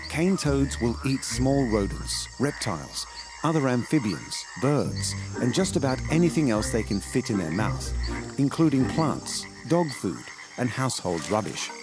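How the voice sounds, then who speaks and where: Man narrating a nature documentary, lively intonation. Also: medium pitch, measured pace. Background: background music.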